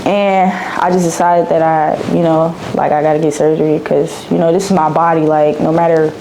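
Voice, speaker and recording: Young woman vlogger, low voice, chatty and slangy, answers viewer questions, steady hiss behind her. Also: moderate pace, low-quality recording. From Dallas, Texas. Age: 20s. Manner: chatty, slangy, repeats herself. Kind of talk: casual Q&A vlog.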